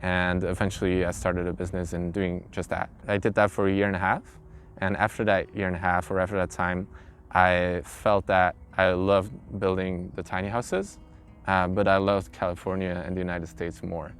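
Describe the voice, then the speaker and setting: Being interviewed, a young Belgian carpenter in his early twenties recounts his own story casually in English, which isn't his first language. He speaks at a normal speed in a low, level voice, with clear ambient background sound.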